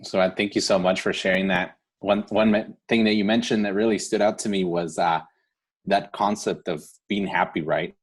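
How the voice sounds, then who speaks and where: Deep-voiced and slightly rough, a man speaks at a normal speed with fairly even intonation as he hosts an online awards event for a scholarship foundation. His tone is informal, heartfelt and encouraging, with frequent "right?" checks for agreement.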